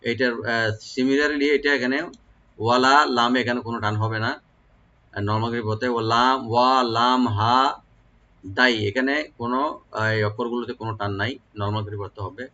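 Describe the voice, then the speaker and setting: A man gives a Quran recitation lesson, breaking each verse down rule by rule. His voice is bright and forward at a middling pitch. The recording sounds a little dull and lo-fi. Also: fairly even intonation. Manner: explains rules slowly, then chants verses in a drawn-out melodic recitation.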